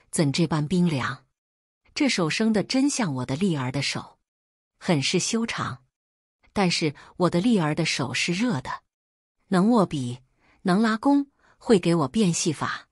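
A woman's voice: on the low side, slightly rough, no echo, clean studio sound. A woman storyteller reading a first-person story expressively. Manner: expressive, acts out dialogue. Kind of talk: first-person scripted narration.

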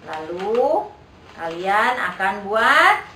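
A woman's voice: mid-range voice, sing-song, drawn-out words, bright, forceful tone, distant mic, slight background noise. A woman leading a children's Sunday school lesson, patient and coaxing, often checking that the kids follow along. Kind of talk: children's lesson over video. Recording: echoey room, voice a bit off-mic.

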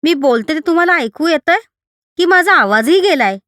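A young wife, freshly struck deaf, pours out her fear in a high, pleading voice, as a woman reading the story puts her on. Her words come anxious and broken with worry. The sound is dry and close, with no room around it. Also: expressive, moderate pace, a bit bright, no room sound. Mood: frightened. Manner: pleading, distraught. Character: frightened young wife suddenly gone deaf.

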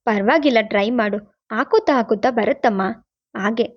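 A woman's voice: a little high, normal speed, natural voice. A woman doing an affectionate young husband. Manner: coaxing, affectionate. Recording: dull lo-fi recording.

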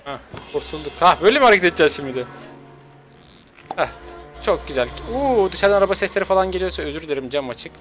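Male gaming streamer, high and very animated, jokey, faint game music underneath. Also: fast talker, long pauses. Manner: excitable, jokey, jumps to high squeals when chased. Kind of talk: live gameplay commentary. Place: home room with an open window.

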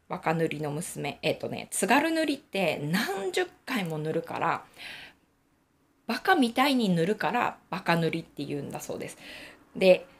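A woman's voice: lowish voice, creaky. A middle-aged woman hosting a casual radio-style knitting talk, chatty and reflective, laughing often. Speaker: knitting channel host.

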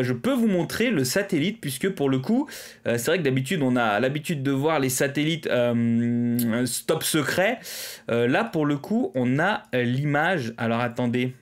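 A French man hosting a live stream, chatting casually with lots of fillers and small laughs at his own fumbles. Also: medium pitch.

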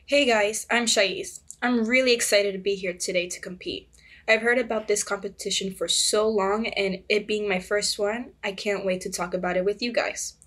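A woman's voice: mid-range voice, fairly even intonation, moderate pace, a bit bright. A teenage girl who is a guest on a student podcast, friendly and slightly nervous. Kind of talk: podcast interview.

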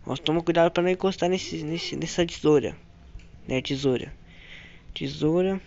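Excitable Brazilian gamer, lo-fi sound. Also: male voice, a little high, moderate pace, creaky, slight background noise. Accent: Brazilian Portuguese. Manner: excitable, repeats phrases, narrates his own moves to viewers. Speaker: gaming channel host. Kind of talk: let's-play commentary.

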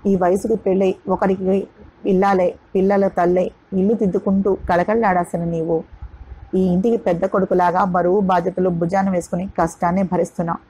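A woman doing a tender, anxious mother, husky. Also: fairly low pitch, a little mellow, rough recording. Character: caring worried mother of a grown daughter.

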